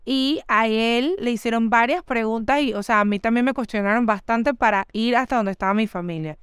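Lively young woman podcast co-host. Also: a little high, a little fast, clean tone, no room sound, clean studio sound. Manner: lively, animated storytelling. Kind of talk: casual chat.

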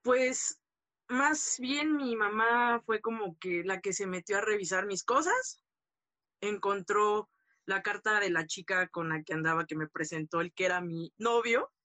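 Bright-voiced woman telling her story. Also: mid-range voice, measured pace, no echo. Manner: candid, full of fillers and tag questions. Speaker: interview guest. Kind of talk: personal storytelling in conversation.

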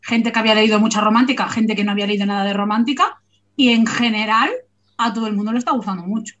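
A woman hosting a casual book club chat, talking in an animated, emphatic and playful way. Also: mid-range voice, quick pace, dull audio.

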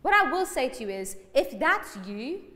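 A woman in her thirties gives a sermon in a lively, self-mocking way, acting out small scenes as she goes. Her voice sits a little high. The sound rings with the long reverb of a church hall. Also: moderate pace. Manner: animated, self-mocking, acts out quotes. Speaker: preacher.

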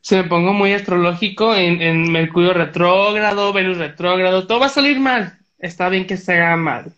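A woman's voice: on the low side, moderate pace, a bit bright. Chatty woman on a dull remote line. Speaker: podcast co-host. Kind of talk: casual chat.

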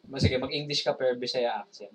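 A man's voice: mid-range voice, brisk, a bit bright, poor audio. A young man chatting casually with friends, asking many curious questions. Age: young adult. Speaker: friend, gamer. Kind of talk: casual chat.

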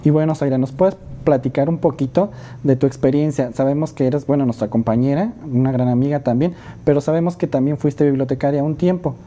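A man co-hosts a relaxed conversation. His voice is very dark and mellow. He affirms what the guest says and asks friendly follow-up questions. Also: mid-range voice, fairly quick. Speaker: co-host. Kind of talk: casual chat.

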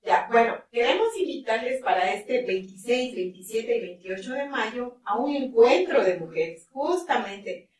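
A middle-aged woman in ministry, telling stories animatedly in an interview and laughing often. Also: mid-range voice. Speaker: ministry leader. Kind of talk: interview conversation. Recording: roomy, distant mic, faint ambience.

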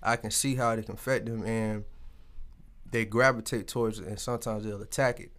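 A man with a lowish voice talks briskly, telling personal stories in a casual, candid conversation. His animated storytelling is colloquial and full of swearing.

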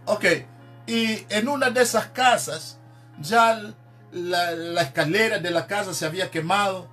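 A man's voice: sits high, a bit bright. A man preaching a sermon, emphatic and dropping in frequent amens. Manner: emphatic, peppers speech with "amén".

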